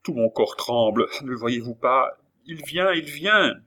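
A man voicing a terrified young woman in an audiobook, pleading in a frantic, high voice. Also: a little slow, fairly bright tone. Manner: breathless, high-pitched frightened pleading. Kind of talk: audiobook character voice.

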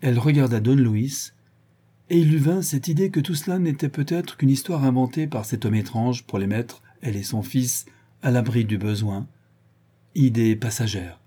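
Guy reading an old novel aloud, husky, kinda dark mellow sound. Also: mid-range voice, moderate pace. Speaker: audiobook narrator. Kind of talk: audiobook reading of a classic novel.

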